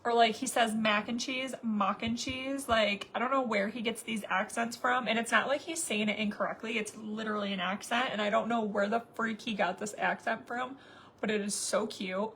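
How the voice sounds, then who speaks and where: Thirties woman vlogger, casual filler-heavy chat, pitched a bit high. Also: fairly even intonation, a little fast, creaky, fairly bright tone, a little hiss or hum. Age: 30s. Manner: chatty, rambling, many fillers. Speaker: makeup vlogger. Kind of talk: casual chat to viewers while doing makeup.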